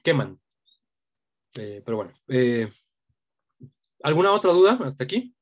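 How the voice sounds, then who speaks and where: A man's voice: medium pitch, very animated, a little slow. A man teaching an online language lesson, explaining patiently and often checking in with a questioning tag.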